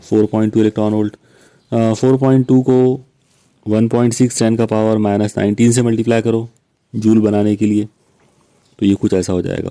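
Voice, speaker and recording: A man's voice: on the low side, warm tone. A man teaching physics, patiently working through exam questions and often checking in with his listeners. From India. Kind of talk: recorded lecture solving exam questions.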